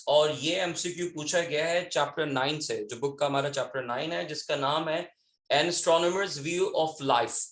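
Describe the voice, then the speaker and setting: A man's voice: on the high side, a bit bright, echoey room. A male teacher with a Pakistani accent, reading exam questions and options aloud and mixing Urdu with English. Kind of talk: exam solution lesson.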